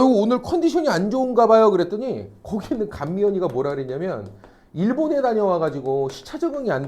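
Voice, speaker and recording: A middle-aged male teacher with a high voice that leaps all over the place. He lectures in a joking, teasing way, throws in mocking asides, and keeps asking the students whether they understand. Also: vocal fry, warm tone. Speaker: academy teacher. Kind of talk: classroom lecture with anecdotes.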